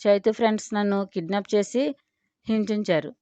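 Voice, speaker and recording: A deceitful young woman shrieks her denials and swears she is innocent, as a woman narrator puts her on. Her voice is at a middle pitch for a woman. The recording is dry and slightly dull. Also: fairly even intonation, fairly quick, clear, resonant tone, dry recording, natural voice. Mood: pleading. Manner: shrill, shouting. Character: shrill, lying young woman shouting at her accusers.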